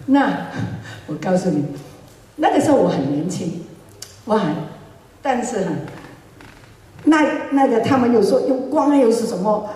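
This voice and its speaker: Animated woman preacher in an echoey hall. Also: mid-range voice. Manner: animated, laughing storytelling. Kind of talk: testimony sermon. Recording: echoey hall, mic far off.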